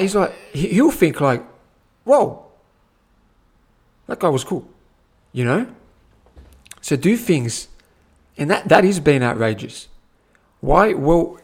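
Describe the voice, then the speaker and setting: A young man gives a casual motivational talk as a personal growth teacher, animated and repetitive, often saying "my friend". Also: on the high side, creaky. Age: young adult.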